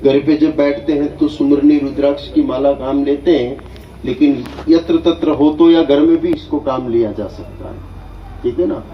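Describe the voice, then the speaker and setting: A man acting as a guru at an initiation ceremony, giving slow, deliberate spiritual instruction and often checking that listeners follow. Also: on the high side, fairly even intonation. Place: hall at an initiation gathering. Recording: echoey, dull, distant hall recording.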